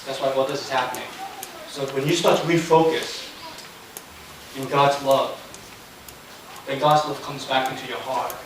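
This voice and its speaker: A man preaching a sermon as pastor, animated and quizzing his congregation. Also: medium pitch, normal speed, pauses often, background noise. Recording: echoey room from far off with crowd. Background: congregation voices.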